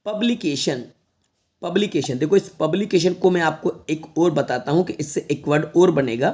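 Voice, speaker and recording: A man teaching an online lesson to students, repeating each word slowly several times in a patient, reassuring way. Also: fairly high pitch, darkish tone. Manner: reassuring, addresses the viewers as children. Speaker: English teacher.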